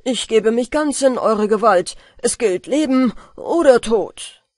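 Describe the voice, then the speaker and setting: A woman voicing a cheeky, bold young fisherman in a storybook reading, louder and eager. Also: medium pitch, expressive, a little slow, dry recording, clean studio sound.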